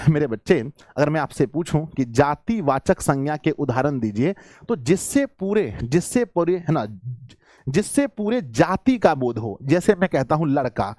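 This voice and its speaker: A male teacher with a fairly high voice runs a grammar lesson. He fires questions at his students, answers them himself, and repeats each example with rising emphasis. The sound is dry and close to the mic. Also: big pitch swings, a little slow, a little mellow, no echo. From Bihar, India. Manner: calls students "my children", asks questions then answers them.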